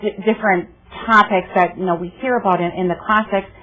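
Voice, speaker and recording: A woman's voice: mid-range voice, steady tone, fast talker, slight background noise. Enthusiastic woman TV host, tinny sound. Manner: friendly, enthusiastic, repeats words. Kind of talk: local cable TV interview. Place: TV studio set. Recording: tinny phone-like old TV audio.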